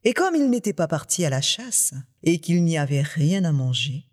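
A storyteller narrating a folk tale in a lively, expressive way. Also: mid-range voice, normal speed, long reverb tail.

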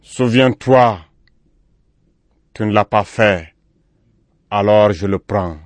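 A man voicing a stern male tree spirit, speaking slowly and solemnly. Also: fairly low pitch, no echo. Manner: slow, solemn.

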